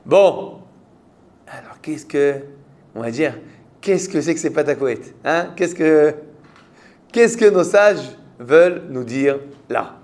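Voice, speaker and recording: A man's voice: a little high, animated, slow pace, pauses often, a little mellow. A man with a French accent, a rabbi giving a Torah class and quizzing his students with rhetorical questions.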